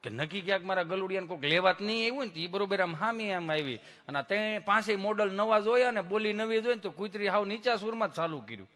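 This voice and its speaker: A man's voice: high voice, lively intonation, fast talker, few pauses, fairly bright tone. A man with a Kathiawadi Gujarati accent telling folksy stand-up jokes and laughing at his own jokes. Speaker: comedian.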